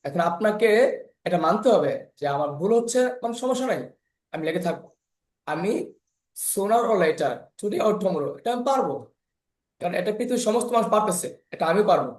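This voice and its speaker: A man's voice: high-pitched, animated, brisk, a little mellow, echoey room. A man teaching an online spoken English class, lecturing in an encouraging, repetitive way with many examples. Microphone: video call.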